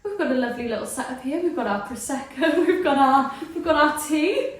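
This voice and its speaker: A woman's voice: high-pitched, lively intonation, a little fast. A chatty, giggly woman hosting a casual podcast. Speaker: podcast host, bridal stylist. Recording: echoey room, distant from mic.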